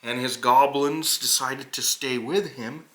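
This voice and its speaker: A man voicing a noble, earnest hobgoblin adventurer who recounts a tabletop quest with deliberate, halting phrasing and dramatic pauses. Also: medium pitch, fairly even intonation, a bit bright, lightly acted, low-quality recording. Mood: earnest recounting. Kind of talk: in-character narration of a tabletop adventure.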